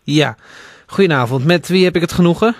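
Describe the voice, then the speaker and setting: Dry, slightly high male radio host. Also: a little fast, no echo. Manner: playful, teasing, stumbling over words. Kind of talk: late-night radio talk.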